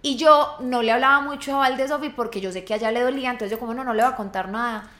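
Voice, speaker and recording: A woman's voice: a little high, racing, fairly bright tone. A young woman with a Colombian accent telling a personal story in casual podcast chat, quoting friends in changing voices. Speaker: podcast co-host.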